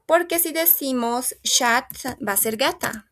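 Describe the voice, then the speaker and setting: A woman teaching French to a class, patiently modelling and repeating every word. Her voice sits a little high and carries a gravelly, creaky edge, and she takes her time. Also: expressive, unhurried, a bit bright, a little hiss or hum. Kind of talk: language lesson.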